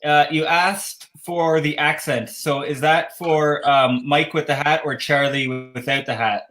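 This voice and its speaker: A man's voice: a little high, fairly even intonation, unhurried, fairly bright tone. A Canadian man with a slight lisp, hosting a casual livestream chat and rambling with frequent chuckles. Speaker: host.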